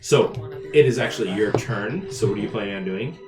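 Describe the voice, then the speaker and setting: A man's voice: lowish voice, lively intonation, a little fast. A man narrating a live tabletop game as game master, laughing often as he talks. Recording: roomy echo, loud background music.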